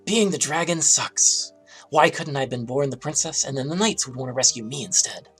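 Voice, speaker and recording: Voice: mid-range voice, brisk, fairly bright tone, slightly rough, faint music behind. A game developer voicing a grumpy, boastful yet insecure young female dragon for a video game, in a theatrical, declamatory manner. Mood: self-pitying. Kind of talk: game character voice-over, playful live read.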